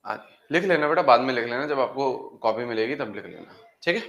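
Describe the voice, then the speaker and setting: In a classroom, a male chemistry teacher quizzes his students, calling them "beta," repeating their answers, and drilling each step while repeating key words and steps. His medium-pitched voice is expressive, fairly quick, and a bit bright, though the audio sounds dull.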